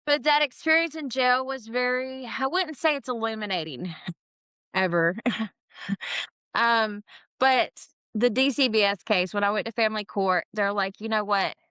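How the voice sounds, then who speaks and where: A woman's voice: a little high, measured pace, bright, forceful tone, clear, resonant tone, dry recording. A woman in her forties, an interview guest, telling her own story in a frank, casual way, laughing often and swearing freely. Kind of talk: candid personal storytelling.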